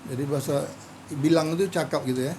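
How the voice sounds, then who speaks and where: A man tells his own story as an interview guest, and his voice sits fairly high for a man. He acts out the lines of everyone in the story, and his pitch jumps up and down as he does. A faint hiss runs under the recording. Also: fast talker, poor audio. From Medan, Indonesia. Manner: animated storyteller who acts out quoted dialogue. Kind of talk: personal testimony in an interview.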